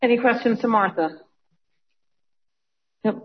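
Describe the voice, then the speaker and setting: A meeting chair running a public session in brisk procedural phrases. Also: medium pitch. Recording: dull lo-fi audio.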